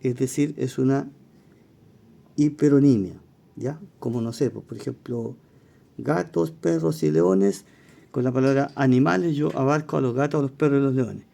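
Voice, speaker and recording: A man's voice: medium pitch, moderate pace, vocal fry, mellow. A man walking colleagues through exam questions, explaining as he goes and correcting himself aloud. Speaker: language teacher. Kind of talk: exam walkthrough lesson.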